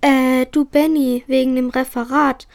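A reader voicing an emotional, upset schoolgirl from a children's book, loud and shrill. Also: flat delivery, unhurried, vocal fry. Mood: pleading.

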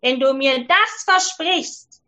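A woman's voice: sits high, takes it slowly, sharp tone, full character voice. A woman voicing a male frog who bargains with a princess in a read-aloud fairy tale. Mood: coaxing.

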